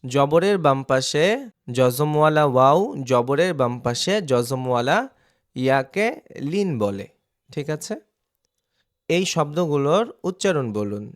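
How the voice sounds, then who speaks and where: A man teaching Quranic letter reading in an online lesson, spelling out syllables slowly and repeating each one, often checking in with his students. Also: medium pitch, expressive. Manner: slow, drilling syllables one by one, asking "ঠিক আছে?".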